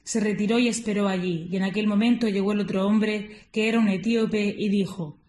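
A woman reading scripture and prayers aloud for a morning liturgy, in a measured, steady way with small slips now and then. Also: mid-range voice. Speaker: liturgical reader.

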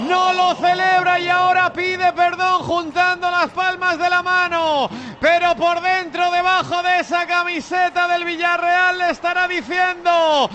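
A man with an accent from Spain giving breakneck, shouted football goal commentary, with repeated, drawn-out cries and stretched phrase endings. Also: extremely high pitch, flat delivery, dull audio, a little hiss or hum. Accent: Spanish (Spain).

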